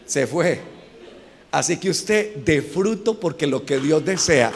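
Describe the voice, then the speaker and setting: A man preaching a sermon, calling questions to the congregation and having them repeat after him, jumping from loud shouted peaks to low quiet asides. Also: expressive, takes it slowly, big-room sound, slight background noise. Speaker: pastor. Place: church.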